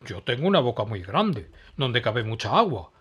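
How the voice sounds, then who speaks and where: A man's voice: medium pitch, big pitch swings, normal speed, fairly bright tone, breathy edge, full character voice. A man voicing a kind, helpful crocodile with a huge mouth. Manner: helpful, eager.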